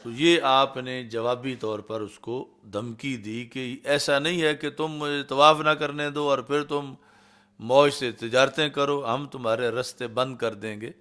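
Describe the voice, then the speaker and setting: Pakistani Urdu scholar reciting and explaining hadith. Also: male voice, medium pitch, fairly even intonation, pushed and bright. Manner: recites Arabic text slowly, then explains in Urdu. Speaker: Islamic scholar teaching hadith. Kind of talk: hadith lecture.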